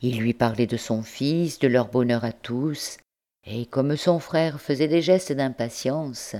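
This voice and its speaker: Slow, mellow woman reading a novel aloud. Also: very deep voice. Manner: slow, measured reading with lifted voices in quoted speech. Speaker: audiobook reader. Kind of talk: scripted narration.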